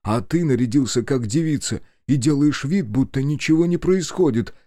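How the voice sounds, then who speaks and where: A man's voice: mid-range voice, animated, normal speed, dark tone, no room sound, studio quality, pitched above the performer's own voice, close to an everyday voice. A man doing an anguished, angry young man.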